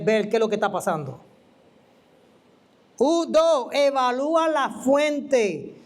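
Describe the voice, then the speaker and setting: Preacher, high voice, animated and conversational, teaches by asking questions. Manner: animated, asks the listener questions and acts out quoted voices. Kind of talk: sermon. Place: church.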